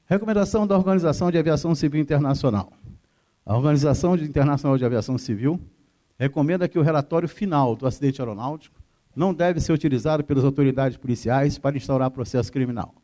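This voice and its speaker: A man's voice: on the high side, fast, warm tone. A middle-aged man, an air force colonel giving a flight-safety lecture, telling stories with acted-out dialogue and often adding "ok?" to his sentences. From Rio de Janeiro. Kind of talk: lecture with anecdotes. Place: university theater.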